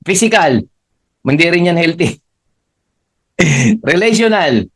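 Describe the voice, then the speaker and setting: Animated man running a motivational training. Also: slow pace, slightly rough. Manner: animated, laughing often, swings pitch up for emphasis; leads the audience in spoken affirmations. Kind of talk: live training talk, Taglish.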